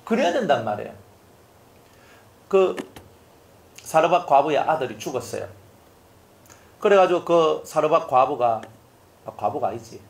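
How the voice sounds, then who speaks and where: Male pastor, storytelling sermon, acts out quoted lines, slightly raised pitch. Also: very animated, a little slow, creaky, pauses often.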